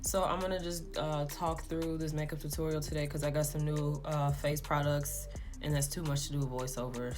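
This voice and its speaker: A woman talking casually through a makeup tutorial, rambling with lots of fillers in a fairly monotone way. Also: low-pitched. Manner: rambling, filler-heavy, self-described monotone. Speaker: beauty vlogger. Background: background music.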